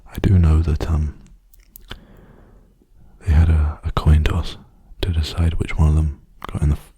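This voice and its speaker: A man speaking in a soft, hushed ASMR style, often slipping into a whisper as he rambles casually and gently. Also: extremely low pitch, flat delivery, measured pace, breathy edge. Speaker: ASMR video host. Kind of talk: softly spoken ASMR rambling.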